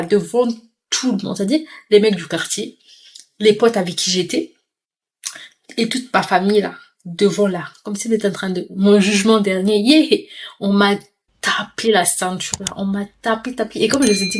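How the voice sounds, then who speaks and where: A young woman in her twenties tells a storytime vlog. She narrates in an animated, expressive way and acts out the scenes as she goes. Her voice sits at a middle pitch. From Comoros and Mayotte. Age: 20s. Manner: animated retelling, mimes crying and pleading. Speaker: vlogger.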